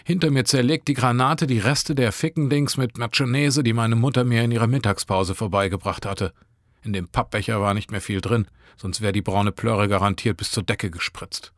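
A man's voice: mid-range voice, moderate pace, dry recording, studio quality. A man reading a short story aloud, narrating in a sardonic, crude first-person voice.

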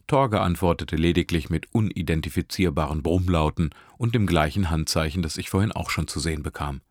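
A man reads a first-person story in a very low voice. His delivery is even and steady. The sound is dry and close, with no room in it. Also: fairly quick, no room sound. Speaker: narrator. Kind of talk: first-person audiobook narration.

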